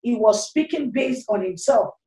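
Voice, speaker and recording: Fervent and repetitive with many exclamations, a middle-aged Nigerian woman evangelist preaches online while seated in a small indoor room, gesturing freely with a handheld corded mic. Her slightly high, mellow voice has lively intonation and a moderate pace, recorded from afar in an echoey space.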